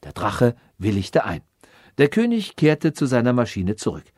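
A man's voice: mid-range voice, wildly swooping pitch, darkish tone, no echo, clean studio sound. Male narrator reading a fairy tale. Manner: measured storytelling. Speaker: audiobook narrator. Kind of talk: scripted narration.

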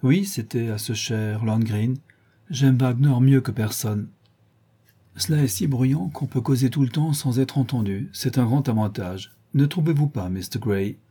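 A man's voice: mid-range voice, unhurried, dark tone, breathy edge. A man voicing a flighty, chattering aristocratic lady who flits from one idea to the next, in an audiobook reading. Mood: gushing. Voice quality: chattering, breathless flitting from idea to idea.

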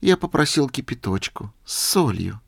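A man voicing a meek, shy holy fool who tells his story quietly and simply. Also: mid-range voice, very animated, normal speed, gravelly, breathy edge, no room sound, clean studio sound, exaggerated voice. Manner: quiet, simple, humble telling.

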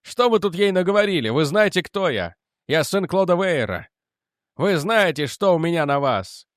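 A man reading an audiobook, voicing a hot-headed young man who talks in a confrontational, shouting way. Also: on the high side, very animated, normal speed, no room sound, studio quality, pitched above the performer's own voice. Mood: angry.

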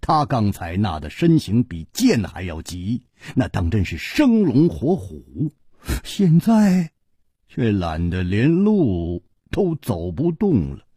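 A husky male voice telling a martial arts tale slowly and dramatically. His pitch swings widely for effect. The sound is dry and close. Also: wildly swooping pitch, mellow, dry recording. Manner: dramatic, vivid storytelling. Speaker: storyteller. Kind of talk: Chinese storytelling narration.

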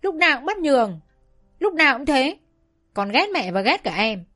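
A woman's voice: on the high side, animated, brisk, soft background music, lightly acted. A woman voicing a sulky, jealous little girl of about five who whines and pleads. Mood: angry shouting. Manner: whiny, pleading, shouts when upset.

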